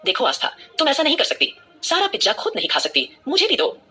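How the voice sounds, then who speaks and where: A woman's voice: high voice, wildly swooping pitch, fast, sharp tone, soft background music, pitched above the performer's own voice, exaggerated voice. A woman voicing a cheeky young woman who teases her friend playfully in an audio drama. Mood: teasing. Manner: teasing, playful.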